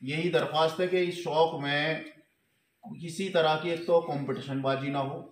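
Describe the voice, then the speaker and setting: A man's voice: on the high side, steady tone. A man, a goat farm owner, giving a formal and earnest thank-you speech into a handheld mic indoors, surrounded by a crowd. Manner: slow, earnest, formal Urdu phrasing. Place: indoor hall with a crowd of men. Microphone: handheld mic held close. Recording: echoey room with some noise.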